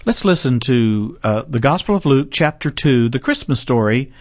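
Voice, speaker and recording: A man with a middling pitch hosts an interview. He introduces and asks in a conversational style, recorded dry with little room sound. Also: animated, normal speed, no echo. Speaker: interview host.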